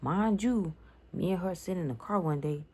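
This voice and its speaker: A young woman vlogger tells her viewers a story in a casual storytime video, ranting bluntly with lots of slang and profanity. Her voice is fairly low, a little mellow and husky, at a moderate pace.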